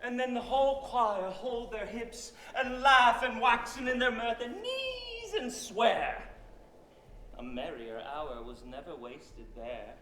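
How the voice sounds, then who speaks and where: A man's voice: very high voice, lively intonation, slow pace, pushed and bright, full character voice. A man playing a merry, boastful prankster sprite in hammy Shakespearean stage acting, acting out his tales. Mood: merry, mischievous. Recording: echoey live stage, faint noise.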